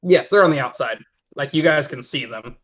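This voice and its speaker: A man narrating as game master of a tabletop game, talking haltingly with many fillers and restarts. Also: mid-range voice, fairly bright tone.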